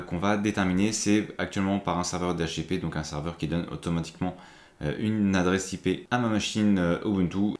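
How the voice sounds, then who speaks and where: A man's voice: lowish voice, roomy sound, a little hiss or hum. A man with a French accent giving a step-by-step screen-recorded tech tutorial, talking through each action with frequent hesitations. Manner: explanatory, many "euh" fillers, steady step-by-step. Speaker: tutorial presenter.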